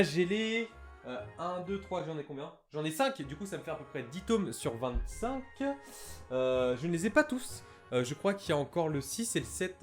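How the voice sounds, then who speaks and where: A young man chats excitedly through a casual vlog, his fairly high voice bouncing up and down. He rambles with fillers and quick laughs. Faint music plays behind him. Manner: chatty, enthusiastic, lots of fillers and laughs. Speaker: YouTuber showing his manga collection.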